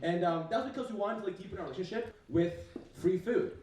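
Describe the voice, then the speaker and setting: Heavy reverb and background noise surround this young adult comedian, whose first language is Chinese, as he performs loose, sweary, self-deprecating stand-up packed with fillers at a university venue. His voice sits high, he talks quickly, and the mic is far away.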